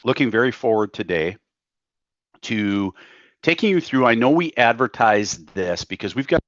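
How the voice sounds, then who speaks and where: A man's voice: mid-range voice, expressive, moderate pace, dry recording, lo-fi sound. A man presenting an online insurance training over a video call, upbeat and casual, his audio cutting out in dropouts.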